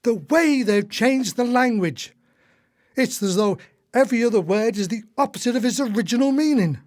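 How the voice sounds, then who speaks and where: In this radio play, an older male actor takes the role of a retired husband and disillusioned old socialist, ranting at length in indignant exasperation. He speaks at normal speed in a very high-pitched, expressive voice with a darkish tone.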